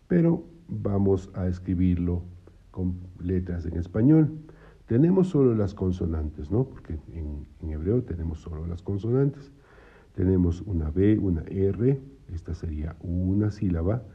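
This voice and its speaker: A man's voice: low voice, gravelly, breathy edge, muffled recording. A man teaching a patient, repetitive lesson on Hebrew syllables, checking in with his listeners as he goes. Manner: patient, repeats points, asks "¿no?". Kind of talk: explaining biblical Hebrew syllables.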